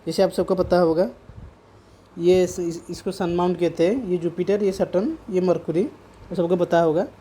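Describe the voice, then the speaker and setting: A man teaching palm reading in a casual talk to camera, his voice mellow and relaxed. He restates points as he goes and slips English terms into his sentences. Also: sits high, normal speed, a little hiss or hum. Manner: repeats and rephrases points while explaining; sprinkles English terms into speech. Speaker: palm reader.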